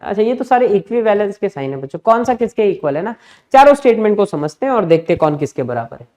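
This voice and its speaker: A man's voice: high-pitched, sing-song, fast, darkish tone. A male maths teacher teaching an exam-prep lesson. He explains step by step, often calls the students "kids" and mixes English terms into his speech.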